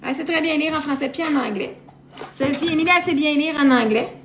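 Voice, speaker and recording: A woman's voice: sits high, fast talker. A woman with a Québécois accent, chatting casually on a live stream and rambling on, listing things and repeating herself. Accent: Québécois French. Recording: roomy echo, faint noise.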